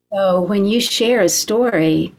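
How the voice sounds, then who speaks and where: A middle-aged woman from Kentucky, a poet reading her work slowly and then answering interview questions in a measured way. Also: medium pitch, a little mellow, poor audio. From Eastern Kentucky. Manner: slow, measured reading with deliberate pauses.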